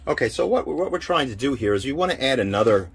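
A radio hobbyist, a man with a medium-pitched, animated and husky voice, gives an informal hands-on demonstration of equipment inside a military-style off-road vehicle, thinking aloud haltingly as he handles the gear. He's filming on a handheld camera with one hand free, and the audio is noisy.

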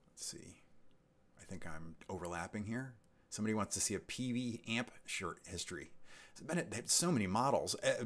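Low-pitched man in his fifties, loose live-stream host, chatty and meandering, lots of ums. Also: fairly bright tone. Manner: rambling, with many ums and restarts. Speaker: livestream host. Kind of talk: casual live-stream chat.

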